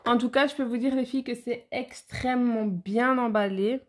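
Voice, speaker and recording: A woman's voice: fairly high pitch, moderate pace, slight background noise. A woman, a nail educator chatting casually through a product haul and speaking straight to her viewers with frequent hesitations.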